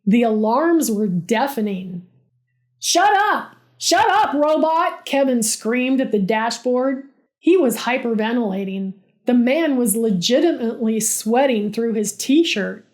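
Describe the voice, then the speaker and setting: A woman's voice: fairly high pitch, unhurried, warm tone. A woman narrating a funny relationship story in a dry, sarcastic way.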